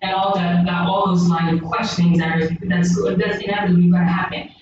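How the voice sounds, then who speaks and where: A woman from Ghana, a poet on a panel, speaking earnestly and searching for words with many pauses. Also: fairly low pitch, flat delivery. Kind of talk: reflective panel discussion. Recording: distant mic in an echoey room, muffled, noisy.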